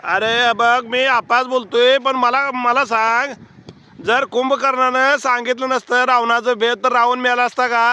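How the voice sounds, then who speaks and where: A man's voice: very high-pitched, level tone, a little slow, sharp tone, smooth. A man in a comic phone call sketch, scolding and mocking in a lecturing tone.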